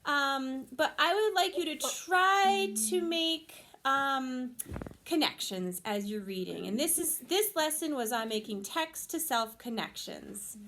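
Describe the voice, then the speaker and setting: Lively high-voiced woman teacher reading aloud. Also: slow pace, slight background noise. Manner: expressive, lively storytelling. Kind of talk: reading a picture book aloud in a lesson.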